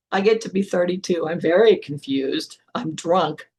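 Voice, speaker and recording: Older woman, low and raspy, candid storyteller who speaks bluntly, as a spiritual podcast host. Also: slow, a little mellow. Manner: frank and blunt, with casual swearing. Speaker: spiritual teacher hosting a podcast.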